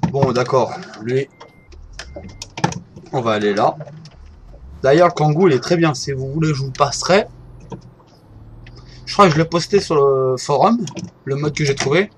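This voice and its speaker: A man giving casual, halting commentary while driving in a game, often stopping to correct himself. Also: mid-range voice, background noise. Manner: hesitant, halting, often restarts and apologizes. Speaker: gameplay video maker.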